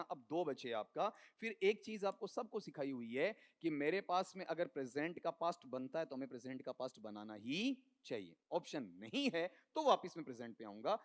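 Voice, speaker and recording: Guy teaching grammar, keeps firing questions, a bit high voiced. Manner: coaxing, quizzing students with rapid questions; mixes Hindi with English terms. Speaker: English teacher. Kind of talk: exam-prep lesson.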